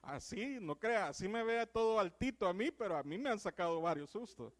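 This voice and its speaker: A young man with a Salvadoran Spanish accent preaching a sermon in church. He swings from loud exclamations to hushed, earnest tones. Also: sits high, expressive, fairly quick.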